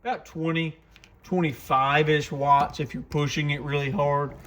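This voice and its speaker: This man, hosting in a radio shop, walks through a CB radio casually and without a script, explaining as he goes. His voice is slightly high with fairly even intonation and an unhurried, measured pace. Radio clicks and background noise come through on an otherwise clear recording.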